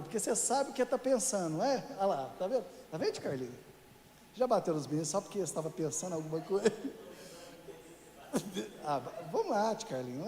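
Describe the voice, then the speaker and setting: High-voiced male pastor preaching. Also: darkish tone, slight background noise. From Brazil. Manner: conversational, joking with the congregation; addresses listeners as "querido". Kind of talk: sermon. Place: church sanctuary. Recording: echoey church hall.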